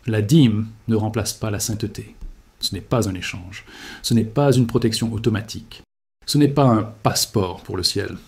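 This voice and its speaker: Solemn husky man narrating a confession. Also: fairly low pitch, normal speed. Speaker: narrator of a religious testimony. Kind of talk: scripted first-person narration.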